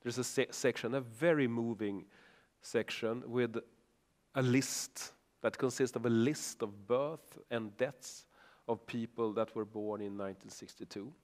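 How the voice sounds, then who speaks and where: A man's voice: medium pitch, steady tone, unhurried, a little mellow. Stumbling man interviewer. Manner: hesitant, stumbles and restarts often. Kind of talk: live talk interview.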